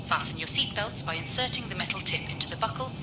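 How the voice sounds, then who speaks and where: A woman giving a formal cabin safety announcement over the aircraft loudspeaker, steady and instructive. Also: medium pitch, fast. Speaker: flight attendant announcer. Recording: loud engine hum behind.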